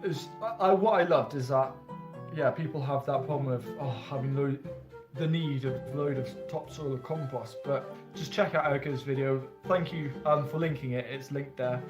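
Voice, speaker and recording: A man's voice: medium pitch, normal speed, reverberant, over music. A young man hosting a casual live-stream chat, chatty and rambling with lots of enthusiasm. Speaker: host.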